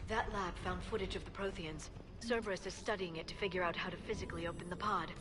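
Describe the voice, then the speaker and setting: An actress voicing an earnest young female alien scientist who talks in a thoughtful, careful way, in game audio with clear noise behind. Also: on the low side, steady tone, fast, lightly acted.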